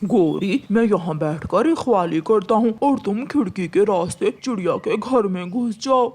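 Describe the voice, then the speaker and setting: A woman voicing a sly, lazy male crow in a Hindi cartoon, with a slow, teasing drawl. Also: medium pitch, lively intonation, darkish tone, husky.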